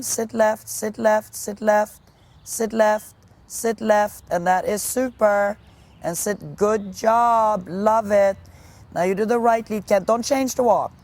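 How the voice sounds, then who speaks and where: A woman coaching a riding lesson live, giving brisk, projected commands in short, repeated phrases. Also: medium pitch, darkish tone.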